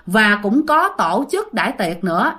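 A woman's voice: medium pitch, sing-song, a little slow, bright, forceful tone. A woman with a Southern Vietnamese accent telling ghost stories in a chatty way, addressing her listeners directly. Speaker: ghost story narrator. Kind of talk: casual storytelling.

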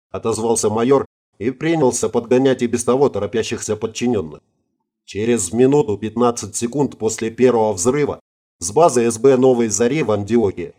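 A man reads scripted audiobook narration at a steady, even pace. His voice sits at an ordinary middle pitch for a man, with a calm, measured delivery.

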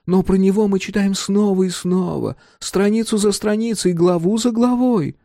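A man's voice: high-pitched, moderate pace, warm tone, no echo, studio quality, voice pushed up. A male audiobook reader voicing an indignant, opinionated middle-aged woman at a book club who complains insistently.

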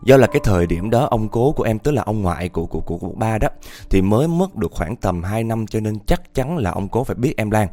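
A man's voice: fairly low pitch, expressive, quick pace, warm tone. A man narrating a ghost story in a conversational way, talking straight to his listeners. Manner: conversational, addresses listeners directly.

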